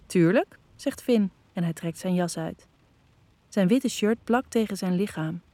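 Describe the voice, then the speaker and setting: A woman narrating a first-person erotic audio story, calm and intimate. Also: fairly low pitch, measured pace, no echo.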